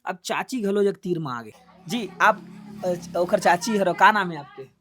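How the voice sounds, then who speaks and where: A woman interviewer with a Chhattisgarhi accent speaks in an easy, conversational way. She patiently coaxes a shy child, repeating simple instructions in a gentle voice. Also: on the low side, lively intonation, a little slow, faint music behind. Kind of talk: casual street interview.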